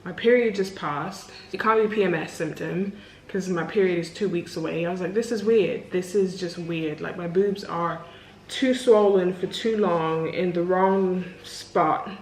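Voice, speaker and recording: A woman's voice: lowish voice, a little slow, darkish tone, slight background noise. Chatty young woman in an echoey room. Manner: candid and chatty, swears freely. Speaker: vlogger. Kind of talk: casual sit-down Q&A.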